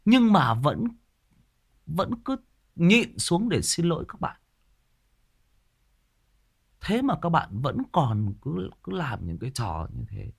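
Animated man chatting. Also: a little high, slow, vocal fry, long pauses, breathy edge. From Thai Nguyen, northern Vietnam. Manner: animated, emphatic storytelling. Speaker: ghost story channel host. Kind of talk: casual chat to listeners.

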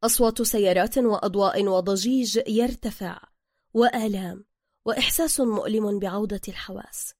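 A woman with an Egyptian accent narrating a story aloud and voicing its characters in a lively manner. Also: mid-range voice, brisk, dry recording, studio quality. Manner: lively, shifting between many character voices. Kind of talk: storybook narration with acted voices.

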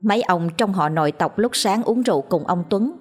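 A woman storyteller reading a ghost story in a steady, measured way. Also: mid-range voice, breathy edge, faint music behind.

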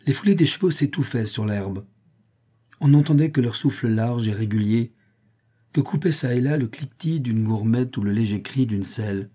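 Husky, dark-toned male narrator. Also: mid-range voice. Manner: measured, phrase-by-phrase literary reading. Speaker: audiobook reader. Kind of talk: scripted narration.

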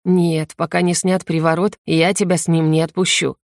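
A woman's voice: fairly low pitch, level tone, moderate pace, creaky, no echo, clean studio sound. A woman reading an audiobook and voicing a jealous, desperate young male mage in her own voice, tense and pressing.

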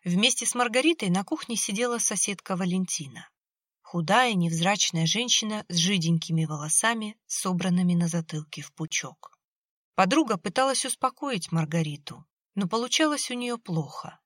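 A woman's voice: medium pitch, lively intonation, normal speed, fairly bright tone, no echo. Woman narrating an audiobook, dry sound. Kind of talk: scripted narration.

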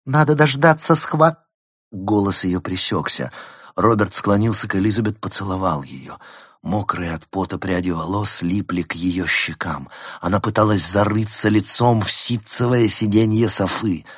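Low husky male audiobook narrator. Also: a bit bright, no room sound, studio quality. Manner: measured, dramatic storytelling. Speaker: audiobook reader. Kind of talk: scripted narration.

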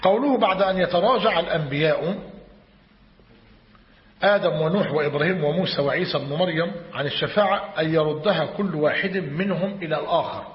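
A man's voice: on the high side, fast talker. A man teaching a religious lesson. He reads a commentary aloud and explains it. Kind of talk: lecture on creed. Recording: echoey hall, muffled lo-fi.

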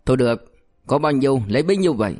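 A man's voice: medium pitch, animated, racing, darkish tone, soft background music, lightly acted. A man doing a sly, bullying cop. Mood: scheming. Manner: mocking, threatening, crude. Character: cynical, bullying male cop, sly and menacing.

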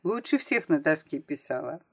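A woman's voice: sits low, very animated, normal speed, dry recording, studio quality. A woman reading as a shy little schoolgirl. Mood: thoughtful. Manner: quiet and hesitant.

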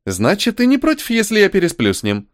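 A man's voice: sits high, huge pitch swings, brisk, no echo, studio quality, voice pushed up. A man voicing a young blonde woman who complains and teases in a raised, girlish voice. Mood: teasing.

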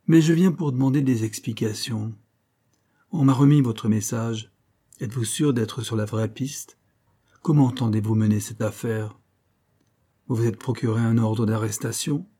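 Un homme qui prête sa voix à un vieux recteur nasillard, vif et bourru, dans un livre audio. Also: male voice, medium pitch, fairly even intonation, moderate pace, warm tone, natural voice. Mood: brusque. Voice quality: nasal. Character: older male rector, brisk and gruff.

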